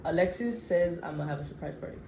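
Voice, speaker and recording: Mellow-voiced young woman, frank and chatty. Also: lowish voice, fast, reverberant, low-quality recording. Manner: frank, chatty, self-teasing. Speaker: vlog co-host. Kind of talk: casual Q&A vlog chat.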